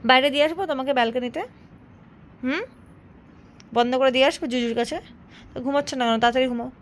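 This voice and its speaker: High-voiced mother scolding at bedtime. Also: steady tone, fast. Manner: scolding, coaxing a child to sleep. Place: home bedroom at night. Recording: home recording with background noise.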